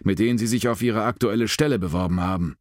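A man playing a zealous, self-righteous American agent in an audiobook, sanctimonious and quick to shout. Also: on the low side, dry recording, clean studio sound, pitched above the performer's own voice, natural voice. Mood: smug.

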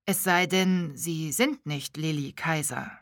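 A woman's voice: deep voice, dry recording, clean studio sound. Woman voicing a kindly mysterious old man. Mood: gently insistent. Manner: slow, thoughtful delivery.

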